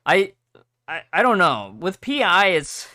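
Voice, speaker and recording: Male game streamer, casual live commentary, bright forceful tone, very dry close sound. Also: high voice, very animated, measured pace, no room sound. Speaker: game livestreamer.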